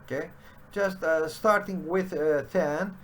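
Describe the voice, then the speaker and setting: A middle-aged Turkish man who teaches programming delivers a screen-share coding tutorial from a home study lined with bookshelves. His voice is slightly high, and he speaks very slowly and haltingly, filling nearly every gap with "uh."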